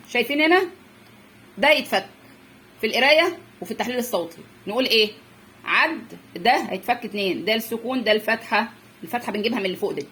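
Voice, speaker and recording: Brisk Egyptian woman teaching reading. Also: on the high side, a bit bright, a little hiss or hum. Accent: Egyptian Arabic. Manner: drilling sounds slowly, repeating words. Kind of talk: phonics lesson for parents.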